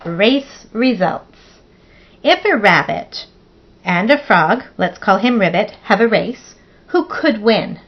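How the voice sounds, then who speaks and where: A woman teacher reading a picture book aloud to young children in an expressive, playful way, counting along. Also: mid-range voice, takes it slowly, highs cut off.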